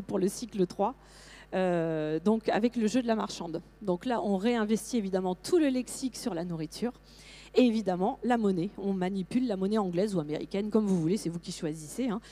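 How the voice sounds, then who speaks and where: A middle-aged woman giving a lively conference talk to teachers, with frequent fillers and restarts. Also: medium pitch. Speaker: teacher trainer presenting to teachers.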